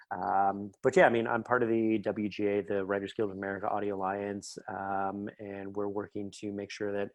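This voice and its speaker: On a podcast, a writer from Northern Ontario in Canada, a middle-aged man, chats enthusiastically and casually, wandering into tangents as the interview guest. His voice is lowish, with no echo.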